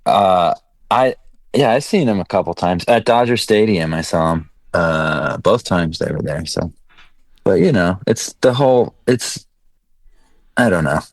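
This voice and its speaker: A man's voice: low voice, lively intonation, unhurried, dry recording. A man guesting on a podcast, speaking hesitantly with frequent restarts. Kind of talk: casual chat.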